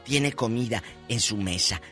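A man's voice: fairly low pitch, a little slow. A man with a Mexican accent co-hosting a radio show, chatting in a playful, teasing, colloquial way. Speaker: radio co-host. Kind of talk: casual radio chat. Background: faint music.

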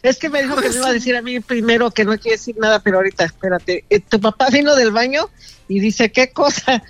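A woman's voice: on the high side, fast, no echo. A middle-aged woman, a mother on a phone call, talking emphatically and repeating herself.

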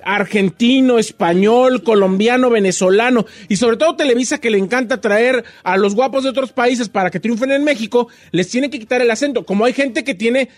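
A man's voice: very high voice, normal speed, hardly any pauses. A man co-hosting a radio show, chatty and gossipy, insistent as he explains diction classes. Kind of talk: casual radio banter.

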